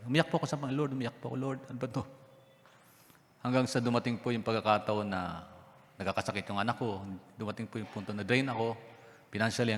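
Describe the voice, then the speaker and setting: A middle-aged man from the Philippines, a pastor, preaching a sermon and telling a personal testimony, with emotional storytelling and heartfelt prayer. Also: on the low side. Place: church sanctuary. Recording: reverberant church sanctuary.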